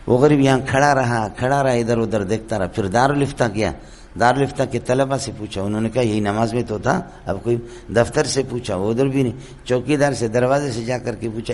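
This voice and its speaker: A hoarse man giving a Quran commentary lecture in a madrasa, telling stories and often checking that his listeners understand. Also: medium pitch, darkish tone. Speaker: Quran teacher.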